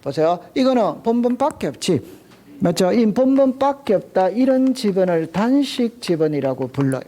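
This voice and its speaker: A man's voice: sits high, sing-song, normal speed, dark tone. A man teaching a real estate exam class, quizzing students with call-and-response and repeating key terms. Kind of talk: classroom lecture.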